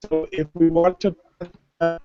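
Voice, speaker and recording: Remote guest, male, fairly high voice, on a choppy call that keeps breaking up. Halting, repeats words. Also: flat delivery, soft background music. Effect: choppy audio breaking up on an online call. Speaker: panel guest. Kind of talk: casual chat on a livestream. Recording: dull, dry, choppy call audio.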